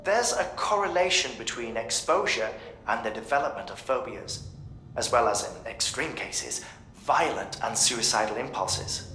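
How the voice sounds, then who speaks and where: A man's voice: mid-range voice, expressive, moderate pace, sharp tone. An actor playing an earnest, clinical male researcher, speaking formally and precisely in a video game briefing. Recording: roomy echo, faint noise.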